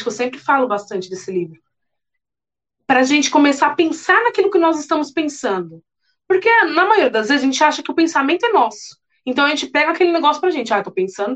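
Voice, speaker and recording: A young adult woman preaching, telling a personal testimony in an earnest, animated way with many repetitions. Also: sits high. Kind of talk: emotional testimony sermon. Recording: dull lo-fi sound.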